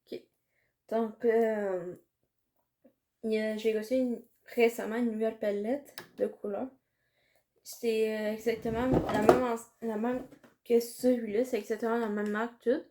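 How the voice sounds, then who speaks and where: A woman's voice: on the high side, fairly even intonation, a little slow, dark tone, a little hiss or hum. A woman with a Quebec French accent chatting casually through a makeup tutorial, rambling and hesitant with many fillers. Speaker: makeup vlogger.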